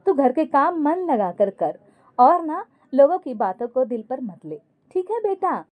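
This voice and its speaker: Woman doing a kind older mother-in-law, gentle, reassuring, high and mellow, storybook. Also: big pitch swings, measured pace.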